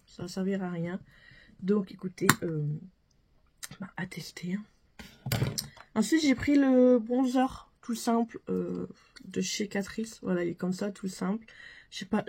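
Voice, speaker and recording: A woman's voice: medium pitch, warm tone, husky. A young woman chatting casually through a makeup haul, chatty and full of fillers. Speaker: beauty vlogger.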